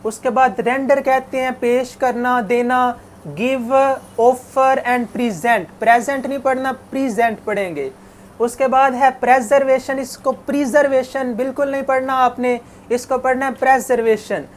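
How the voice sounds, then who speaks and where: A woman teaching an English lesson, reading English phrases slowly and explaining them in Urdu, asking and answering her own questions. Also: a little high. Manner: corrects pronunciation for students. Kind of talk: classroom lecture, translating English to Urdu. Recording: faint background noise.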